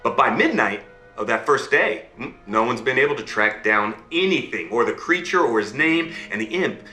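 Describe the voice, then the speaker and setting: A man's voice: medium pitch, expressive, normal speed, sharp tone, echoey room, faint music behind. A man telling a fairy tale to his child over a video call, voicing the characters and checking in with okay and right. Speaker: father telling a bedtime story.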